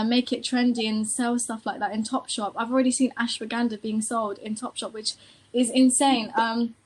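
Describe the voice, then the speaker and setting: A woman's voice: fairly high pitch, rough recording. A woman from Iran telling a personal story in a panel conversation, passionate, with many fillers. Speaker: panel guest.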